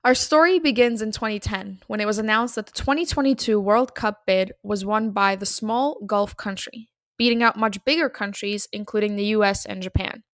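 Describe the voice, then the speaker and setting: A woman podcast host delivers scripted introductions and background narration. Her pitch is in the middle range, and the sound is very dry, with no room around the voice. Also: normal speed, hardly any pauses, no echo.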